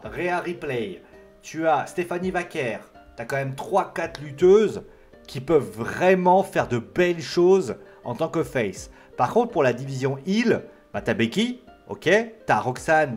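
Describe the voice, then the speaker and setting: A man giving a casual, rambling solo review of a wrestling show, full of fillers and restarts. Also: medium pitch.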